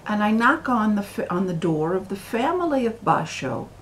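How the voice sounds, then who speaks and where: An American woman talking to camera in a slow, deliberate monologue, full of pauses and fillers. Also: mid-range voice, big pitch swings, a bit bright, slight background noise, poor audio. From United States. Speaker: video commentator.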